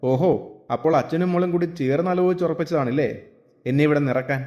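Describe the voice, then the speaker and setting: A man voicing a bitter, quarrelsome middle-aged woman in a storybook reading, with a sharp, resentful manner. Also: a little high, fast, muffled recording, natural voice.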